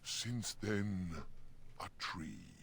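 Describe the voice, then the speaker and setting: An actor playing an ancient, courteous talking oak tree in a fantasy game, speaking archaic rhyming couplets in a gravelly, theatrical voice. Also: male voice, sits low, wildly swooping pitch, very slow, a bit bright, slight background noise, exaggerated voice. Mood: solemn.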